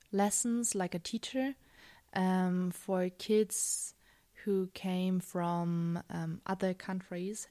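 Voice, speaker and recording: A young German woman answers interview questions in English, her second language, hesitating and using many fillers. Her voice is mellow and on the low side, and she is a guest in a casual interview.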